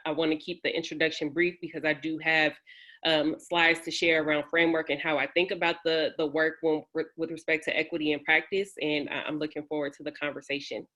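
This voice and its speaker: A woman's voice: deep voice, level tone, brisk, pushed and bright, dull audio. A woman from San Francisco, speaking as a panelist on a video call in an earnest, personal way.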